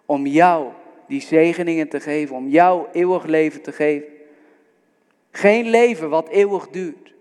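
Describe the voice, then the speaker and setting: A man's voice: a little high, a little slow, a little mellow, clear, resonant tone. A man preaching a sermon, earnest and exhorting, speaking directly to his listeners. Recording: long reverb of a large hall.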